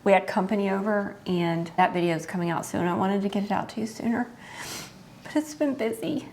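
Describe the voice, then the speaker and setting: A woman's voice: medium pitch, fairly quick, darkish tone, slight background noise. A middle-aged woman hosting her home cooking channel, chatting earnestly and heartfelt to her viewers. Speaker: host. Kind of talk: casual chat to camera.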